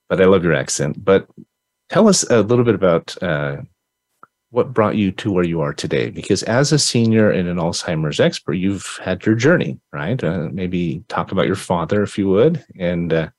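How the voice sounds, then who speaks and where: A man's voice: sits low, no echo. A man hosting a casual interview podcast, praising his guest in an effusive, rambling way with many restarts. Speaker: podcast host.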